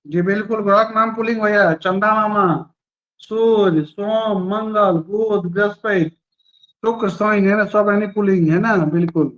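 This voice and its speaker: A man's voice: high-pitched, steady tone, moderate pace, fairly bright tone, muffled recording. A male teacher running a live online quiz class, repeating each question and its options and praising students by name.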